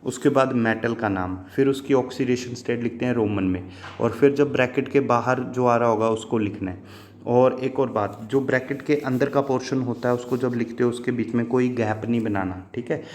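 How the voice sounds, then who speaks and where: Man, chemistry teacher, mid-pitched voice, patient, repetitive, self-questioning, fond with students. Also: moderate pace, darkish tone. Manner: patient, repetitive, asks and answers own questions; addresses listeners fondly as children. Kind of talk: classroom lesson explanation.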